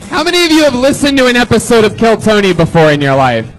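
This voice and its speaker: A man hosting a live comedy show, excitedly calling out guesses and laughing as performers come on stage. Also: very high voice, fast, soft background music. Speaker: host.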